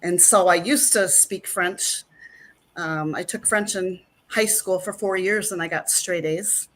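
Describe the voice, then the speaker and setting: A woman's voice: on the low side, measured pace, a bit bright. A middle-aged woman chatting as an interview guest, rambling with plenty of fillers. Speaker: actress and guest. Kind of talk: casual interview chat.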